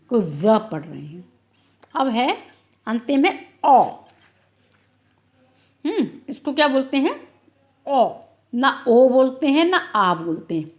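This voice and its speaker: Woman, primary school teacher, very slow careful reading, stretched-out words, online phonics lesson. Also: medium pitch, a little mellow. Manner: slow, drawn-out word-by-word reading; asks questions and answers them herself.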